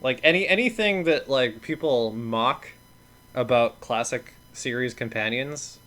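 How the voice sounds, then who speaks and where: A man's voice: medium pitch, measured pace, bright, forceful tone. A man co-hosting a casual podcast chat, blunt and ranting, swearing freely and laughing between points. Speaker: podcast co-host.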